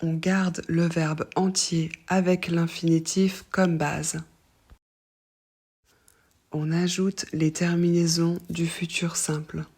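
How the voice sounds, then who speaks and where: A synthetic-sounding voice reading grammar examples one by one in a slow, even delivery. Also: medium pitch. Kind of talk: reading example sentences for a lesson.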